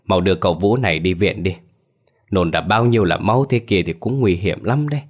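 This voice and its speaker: A man voicing an older male exorcist who sighs and admonishes calmly. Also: low-pitched, brisk. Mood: brisk. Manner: sighing, admonishing. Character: older male exorcist master, calm and stern.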